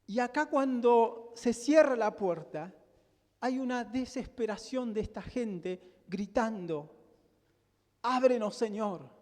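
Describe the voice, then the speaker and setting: A man's voice: extremely high pitch, expressive, slow pace, a little mellow. A male pastor with a Rioplatense Spanish accent preaching a sermon, emphatic and full of rhetorical questions to the congregation. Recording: long hall reverb.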